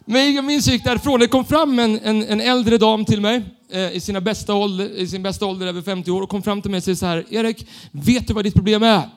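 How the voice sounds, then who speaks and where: Male preacher, fairly high voice, lively self-mocking storytelling sermon. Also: few pauses.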